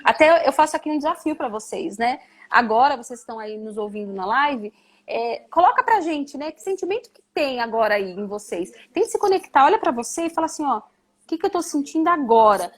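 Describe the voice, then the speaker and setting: A woman's voice: sits high, big pitch swings, brisk. A woman talking reflectively in a live stream conversation, often ending thoughts with a questioning tag. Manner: reflective, frequent "né?" tags.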